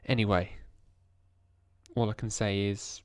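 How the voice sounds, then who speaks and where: Hushed, tired man at a quiet desk. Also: lowish voice, flat delivery, a little slow, clear, resonant tone, dry recording, studio quality. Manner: hushed and tired, thinking aloud. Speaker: language learner vlogger. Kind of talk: casual screen-recorded vlog.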